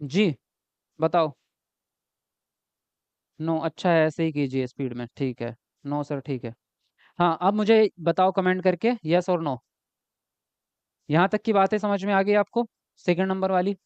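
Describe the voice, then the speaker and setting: A man's voice: high voice, measured pace, long pauses, a little mellow, clear, resonant tone, no room sound, lo-fi sound. A man teaching an online exam-prep class, explaining step by step, asking questions and answering them himself, and reading out viewer comments. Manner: reads viewer comments aloud and talks to them. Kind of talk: live online class lecture.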